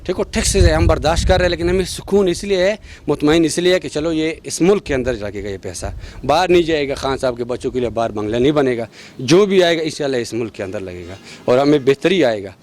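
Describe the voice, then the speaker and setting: A man's voice: a little high, lively intonation. Fervent man speaking at a street interview. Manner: passionate, emphatic, rising to loud peaks. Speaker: street interviewee, party worker. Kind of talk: street vox pop interview.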